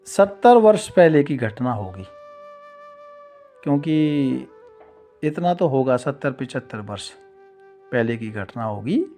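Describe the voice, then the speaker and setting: A male devotional storyteller narrating a tale to devotees in a slow, deliberate manner. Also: sits high, mellow.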